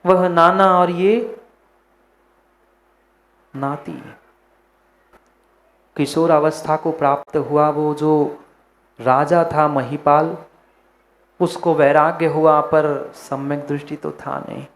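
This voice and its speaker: A man's voice: on the high side, fairly even intonation, slow, pauses often. A man, a monk, preaching a sermon, repeating his phrases for emphasis and speaking straight to his listeners.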